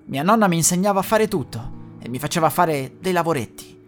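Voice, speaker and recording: A man's voice: a little high, animated, brisk. Man narrating a horror story over music. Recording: music bed under the voice.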